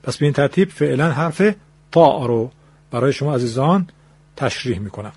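A man's voice: medium pitch, expressive, a little mellow, breathy edge, no room sound. A man teaching pronunciation in a radio lesson, explaining patiently in a formal, polite way and demonstrating each sound aloud.

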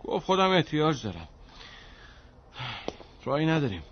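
Broke worried middle-aged man, quiet resigned talk, lo-fi radio. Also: a little high, very animated, slight background noise. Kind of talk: radio drama acting. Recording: dull lo-fi radio recording.

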